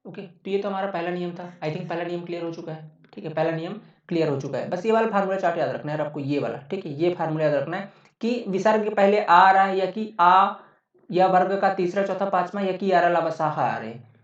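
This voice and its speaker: Heard through a distant, roomy, dull lo-fi recording, a man with a high voice talks a little fast. He's a teacher running an online exam-prep session, restating each point and answering the questions he raises.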